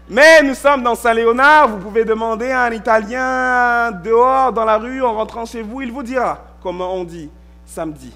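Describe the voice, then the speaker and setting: This is a male pastor's church sermon, with key words stressed and elongated and moments that climb to a shout. The pitch is extremely high.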